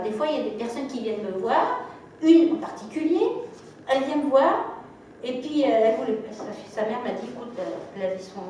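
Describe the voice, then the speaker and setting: A woman giving a talk, telling lively anecdotes and acting out the dialogue, with frequent laughter. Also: a little high, noisy background. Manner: lively storytelling, acts out dialogue, laughs often. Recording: echoey room, mic far off.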